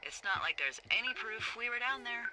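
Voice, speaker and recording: A woman's voice: a little high, animated, heavy background noise. An actress voicing a wry, teasing female fire lookout speaking over a radio walkie-talkie. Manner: teasing, quick-witted, a bit tipsy. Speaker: game character.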